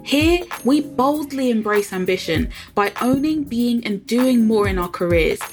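A woman's voice: on the high side, expressive, a little slow, faint music behind. A woman hosting a podcast, talking in an upbeat, emphatic way as she opens the show and puts questions to her guest. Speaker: podcast host. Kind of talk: podcast intro and interview.

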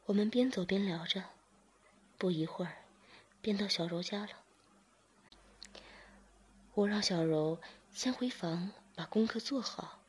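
Female narrator for a whispered story; hushed, airy voice, unhurried delivery. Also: mid-range voice, slightly rough. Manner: slow, hushed reading.

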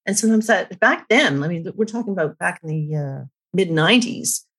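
A woman's voice: fairly low pitch, lively intonation, a little fast, fairly bright tone. A middle-aged woman, a numerologist, telling personal stories candidly and emphatically in a podcast interview. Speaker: numerologist guest.

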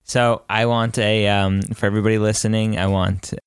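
Male host, very low and smooth, dry close mic, upbeat and casual. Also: little pitch movement, no echo. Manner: upbeat, quick to laugh, prompting questions. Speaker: podcast host. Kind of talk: casual interview hosting.

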